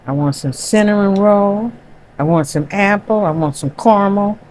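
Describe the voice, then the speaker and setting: A woman's voice: mid-range voice, normal speed, a little mellow, a little hiss or hum, low-quality recording. A woman giving a home cooking demonstration in a kitchen, chatting and savoring each step aloud. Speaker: home cook.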